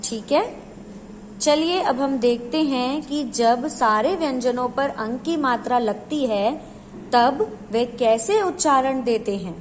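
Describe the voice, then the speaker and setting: A woman with a high voice teaches at a slow, deliberate pace. She explains each step patiently and poses questions to her listeners before answering them. Her voice carries a long room reverb. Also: animated, a little hiss or hum. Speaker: Hindi teacher.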